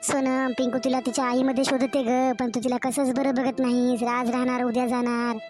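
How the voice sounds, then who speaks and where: A woman voicing a kind, caring older grandmother in an animated storybook, speaking slowly and heartfelt with a Marathwada Marathi accent. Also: high-pitched, over music, lightly acted. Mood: pleading. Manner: tender, pleading, slow and heartfelt.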